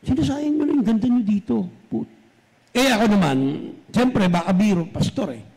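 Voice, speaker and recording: A man's voice: high voice, lively intonation, moderate pace, darkish tone, breathy edge. A man preaching a sermon as pastor, speaking straight to his congregation and switching between Tagalog and English. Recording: long reverb from a large hall.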